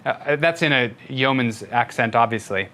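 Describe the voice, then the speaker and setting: An older male instructor runs a live coding tutorial on web development, walking through tools while chuckling playfully. His voice sits mid-range and sounds bright and forceful, delivered at a normal speed.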